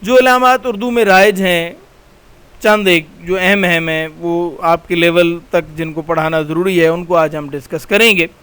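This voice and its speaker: A man's voice: high voice, steady tone, moderate pace, fairly bright tone, clean tone. A middle-aged man with a Pakistani Urdu accent, teaching a recorded slide lecture, patient and explanatory, repeating key terms.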